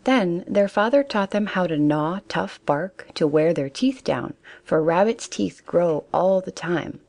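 A woman narrating a children's storybook in a calm, steady reading voice. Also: on the low side, unhurried, dry recording.

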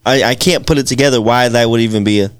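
A man's voice: medium pitch, fast, smooth. A man with a stuffy nose in a casual podcast chat, giggling and questioning.

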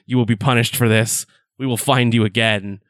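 A man's voice: mid-range voice, fairly even intonation, normal speed, fairly bright tone, no room sound, studio quality, lightly acted. A man voicing a menacing giant skeleton creature that threatens and accuses. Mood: accusing.

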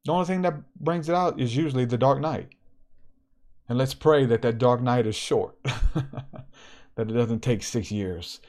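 A man's voice: medium pitch, normal speed, pauses often, darkish tone. Man giving a preacherly spiritual talk. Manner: preacherly, repetitive, laughs often. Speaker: podcast host.

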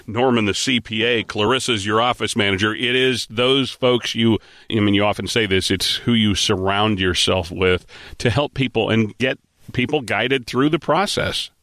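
Upbeat male radio host, low and punchy voice, dry studio sound. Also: normal speed, a bit bright, no echo. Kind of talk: casual radio chat.

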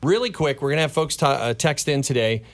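A man's voice: medium pitch, animated, quick pace. American man hosting a morning show. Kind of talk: upbeat morning show hosting, casual banter. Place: radio studio.

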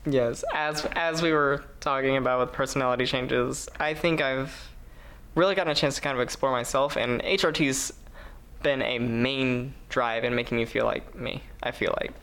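A woman's voice: a bass voice, steady tone, moderate pace, a bit bright. A woman co-hosting a podcast in casual chat, laid-back, swearing casually and laughing, recorded in a small apartment. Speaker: podcast co-host.

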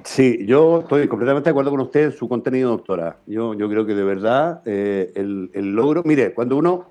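A Chilean man with a mid-range voice talks as a radio host in a conversational way. He is courteous and builds his points haltingly, tagging on small questions to check agreement. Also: medium pitch, lively intonation, mellow. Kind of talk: conversational political commentary.

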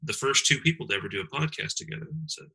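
A man's voice: fairly high pitch, expressive, very fast, creaky, pushed and bright, husky, poor audio. A man co-hosting a comedy podcast, rambling with lots of fillers and ironic asides. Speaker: podcast co-host.

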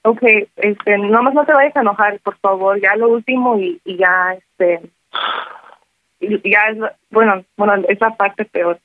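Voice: mid-range voice, measured pace, dry recording, natural voice. A prank caller plays a distressed young daughter arguing with her father, pleading and defensive, over a tinny phone line. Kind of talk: prank call.

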